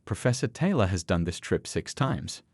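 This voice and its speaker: A man voicing an excited, patient nineteen-year-old girl in a read story. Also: sits low, moderate pace, no echo, exaggerated voice. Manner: light, patient.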